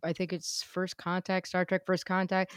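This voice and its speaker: A woman chatting casually with friends, animated and laughing, with quick restarts. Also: on the low side, clean tone, no echo, clean studio sound. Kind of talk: casual chat.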